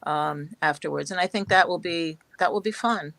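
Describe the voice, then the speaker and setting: Her voice is on the low side, gravelly and a bit bright, recorded dry. She's a playwright speaking as a panelist over video call, pondering her replies and frequently repeating words in a hesitant, reflective manner.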